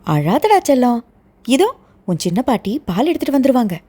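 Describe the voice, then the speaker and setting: A woman voicing a gentle grandmother soothing a crying baby in a storybook. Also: medium pitch, lively intonation, moderate pace, natural voice.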